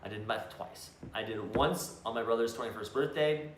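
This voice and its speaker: A man's voice: mid-range voice, a little fast. Blunt, profane man in an echoey room. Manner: blunt, profane storyteller with many restarts. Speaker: co-host. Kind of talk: casual chat. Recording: roomy echo, faint background noise.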